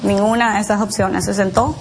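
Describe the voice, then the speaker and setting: A mother recounting her child's experience in halting, emotional personal testimony, with many restarts and tag questions. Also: mid-range voice, steady tone, noisy background.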